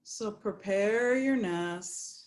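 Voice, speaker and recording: A woman guiding a yoga nidra meditation, speaking in a slow, soothing, prayerful way. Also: mid-range voice. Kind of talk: guided meditation.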